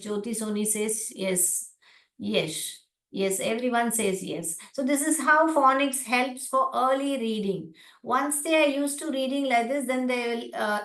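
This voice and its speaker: Indian English phonics teacher, woman, slow deliberate delivery, roomy echo. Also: on the high side, fairly bright tone. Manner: slow, spelled-out sounds with repeated checks of "clear?". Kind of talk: online class lecture.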